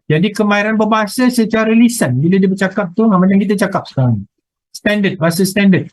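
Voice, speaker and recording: A man's voice: sits high, quick pace, no room sound, low-quality recording. A middle-aged man with a Malaysian Malay accent giving an online university lecture, teasing and quizzing his students as he goes. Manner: teasing, lively, asks students questions. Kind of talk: online lecture with class banter.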